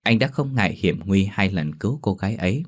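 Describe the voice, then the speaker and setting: Man, very low voice, steady ghost story narration, even delivery. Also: brisk.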